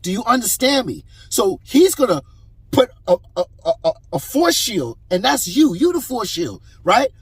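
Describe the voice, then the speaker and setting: A man's voice: high-pitched, very animated, moderate pace, breathy edge, no echo. A man giving heated, preachy commentary on a clip, emphatic and repeating himself.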